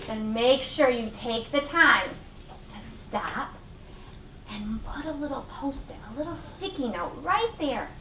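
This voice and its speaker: High, animated woman teaching young children. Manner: animated, simple child-directed instruction with slow drawn-out emphasis. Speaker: kindergarten teacher. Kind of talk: teaching young children, reading workshop lesson. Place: classroom. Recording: echoey classroom, distant mic, clear noise.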